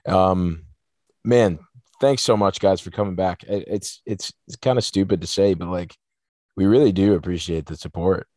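Man, very low gravelly hoarse voice, casual podcast host, playful slang, dry close sound. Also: moderate pace, darkish tone, dry recording. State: hoarse after cheering at a game.

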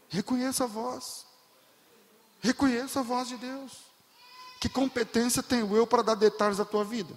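A man preaching a sermon as pastor, swinging from quiet, low passages to impassioned shouting. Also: long reverb tail. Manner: builds to impassioned shouting, then drops low.

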